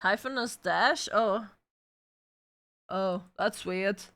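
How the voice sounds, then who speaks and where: A woman streamer chatting casually with her live viewers, bubbly and talkative, now and then calling out loudly. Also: medium pitch, very slow. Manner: bubbly, chatty with viewers, bursts of shouting and laughing.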